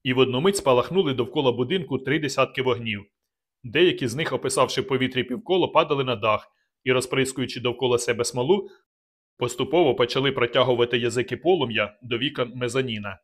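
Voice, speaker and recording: A man narrating a first-person adventure novel aloud, reading with dramatic, measured delivery. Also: medium pitch, fairly bright tone. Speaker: audiobook narrator. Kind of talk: scripted narration.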